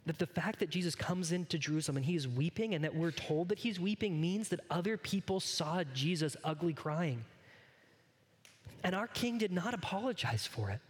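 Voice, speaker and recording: A man's voice: a little high, animated, moderate pace, long reverb tail. A man pastor giving a sermon, earnest and conversational, often turning to speak straight to his congregation. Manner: conversational, earnest preaching that addresses the congregation directly.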